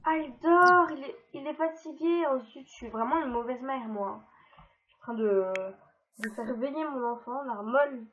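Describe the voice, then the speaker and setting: A high-pitched woman talks at a normal pace, explaining game cheat codes in a casual, rambling let's-play packed with fillers and self-deprecating asides. She's a gaming video creator, recorded on a dull lo-fi mic with faint background noise.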